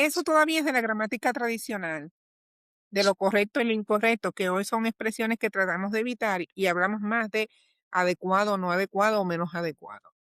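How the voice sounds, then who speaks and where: A woman's voice: medium pitch, a bit bright, no echo, studio quality. A woman guest and teacher explaining language in an interview, in a didactic manner full of rhetorical questions.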